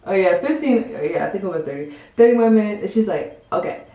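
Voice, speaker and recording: A woman's voice: medium pitch, animated, quick pace, mellow. A young woman casually telling a rambling story to the camera, full of fillers. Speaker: storytime vlogger. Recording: echoey room.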